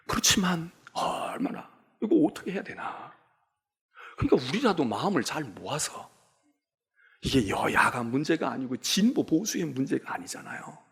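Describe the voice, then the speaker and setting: A middle-aged male pastor preaching a sermon in a church, swinging from hushed asides to loud exclaiming and acting out quoted laments. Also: on the high side, breathy edge. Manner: acts out quoted laments and taunts. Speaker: senior pastor. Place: church sanctuary.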